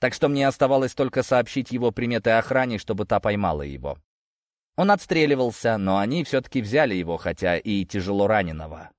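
A man's voice: fairly low pitch, lively intonation, fairly quick, no room sound, studio quality, lightly acted. A man reading an audiobook, voicing a tired, matter-of-fact young man reporting grim news. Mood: explaining. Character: weary young man, battle-hardened brother.

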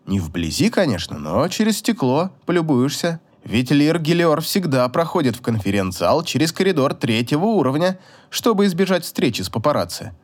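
A man's voice: on the high side, big pitch swings, normal speed, few pauses. A man voicing a young man, the heroine's smug boyfriend, who talks in a teasing, self-assured way in an audiobook. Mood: reassuring. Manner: teasing, then fawning and apologetic.

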